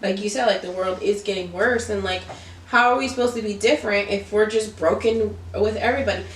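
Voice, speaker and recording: A woman's voice: medium pitch, fairly even intonation, a little fast, slight background noise. A woman hosting a casual group discussion about faith, speaking reflectively and personally and putting questions to the others. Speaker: host of a group chat. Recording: roomy echo, distant mic.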